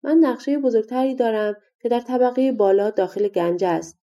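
A woman voicing a hungry, blustering male giant from a storybook, with loud booming exclamations. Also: lightly acted. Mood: helpful.

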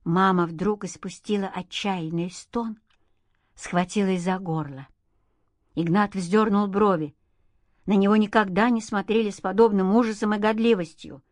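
A woman reading a novel as an audiobook narrator, steady and expressive, recorded on a close studio mic. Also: medium pitch, measured pace, no echo.

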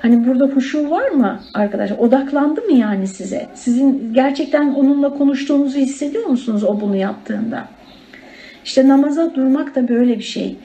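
A woman's voice: high voice, animated, fairly quick, warm tone, low-quality recording. A woman teaching a religious study circle in a conversational way, often turning to her listeners as friends. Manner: conversational, addresses listeners as friends, many fillers.

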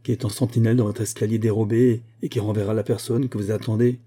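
A man voicing a stern, commanding older husband in an audiobook reading, measured and cold. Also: on the low side, level tone, dark tone, close to an everyday voice. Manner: impérieux, measured.

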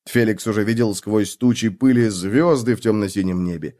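A man narrating an audiobook in a scripted, expressive reading. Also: on the low side, moderate pace.

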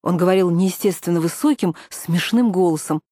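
A woman narrating a first-person story for an audiobook in an ironic, expressive manner. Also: fairly low pitch, normal speed, no room sound, clean studio sound.

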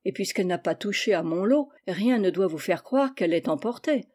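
A woman reading a storybook voices a kindly but stern older gentleman who speaks in a measured, gently admonishing way. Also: medium pitch, animated, close to an everyday voice.

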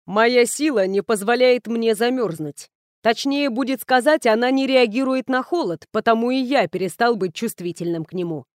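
A woman reading an audiobook, voicing a composed young male noble master in a level, steady tone. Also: a little high, moderate pace, no room sound, clean studio sound, lightly acted. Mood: explaining. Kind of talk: audiobook character voice.

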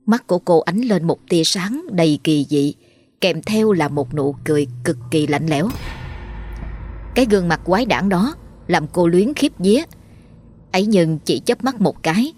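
Low-voiced woman reading a horror story. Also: expressive, normal speed, darkish tone. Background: faint music.

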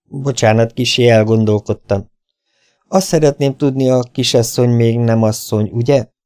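A man's voice: medium pitch, steady tone, darkish tone, clear, resonant tone, pitched above the performer's own voice, lightly acted. A man voicing a bashful, smitten young man who talks eagerly and pleadingly. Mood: embarrassed. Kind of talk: audiobook character voice.

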